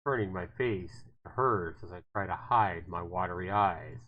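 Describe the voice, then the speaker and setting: During a livestream, a man whose voice sits low reads visual novel narration at a moderate pace with a dramatic touch, sometimes tripping over words. The sound is lo-fi, and guitar music plays in the background.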